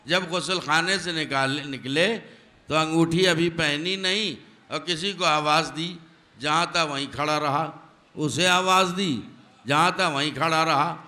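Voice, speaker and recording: A male preacher with a slightly high, bright, forceful voice delivers an emphatic religious sermon. He speaks straight to his audience, demanding their attention and firing off rhetorical questions, often checking whether they're listening.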